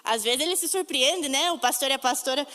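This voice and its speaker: High-voiced Brazilian woman preaching. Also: fairly quick, sharp tone. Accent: Brazilian Portuguese. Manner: emphatic, storytelling, acts out quoted voices. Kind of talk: sermon. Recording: long reverb of a hall.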